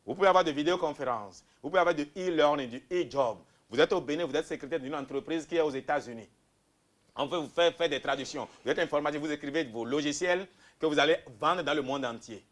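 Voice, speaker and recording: A man from Benin speaks, laying out his program as a candidate in an interview. His voice sits fairly high. He presses hard on key points with loud bursts, then drops into quieter asides. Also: fast. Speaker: political candidate guest. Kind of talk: interview answers, campaign pitch.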